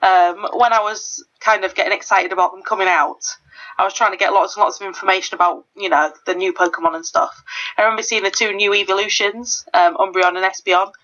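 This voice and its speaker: A woman's voice: medium pitch, steady tone, fairly quick, fairly bright tone. A woman chatting playfully as a guest on a game playthrough. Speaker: co-commentator guest. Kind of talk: casual gameplay chat. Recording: dull lo-fi recording.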